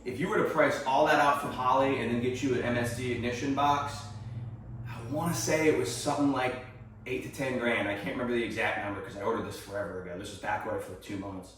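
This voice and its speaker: A man's voice: mid-range voice, fairly even intonation, fast talker, a bit bright, echoey room, a little hiss or hum. A young man hosting a casual garage vlog, chatty and rambling with lots of fillers, a bit out of breath. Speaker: garage channel host. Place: home garage.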